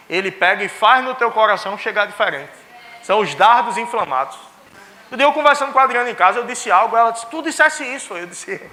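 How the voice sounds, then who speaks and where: A man's voice: high-pitched, sharp tone. A young adult man, a pastor preaching a sermon in a church and telling stories with acted-out dialogue. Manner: storytelling, acting out dialogue with family.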